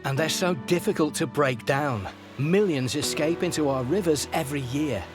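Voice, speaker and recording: A man's voice: on the high side, moderate pace. Wry man narrating, music behind. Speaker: documentary narrator. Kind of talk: scripted narration.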